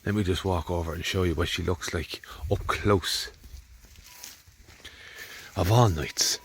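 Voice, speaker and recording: A man's voice: sits low, fairly even intonation, measured pace, slight background noise. A man with an Irish accent, a farmer chatting casually outdoors in a field, rambling and grumbling as he films on a handheld phone. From Ireland. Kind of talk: casual vlog narration. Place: outdoors on a farm field, in the rain.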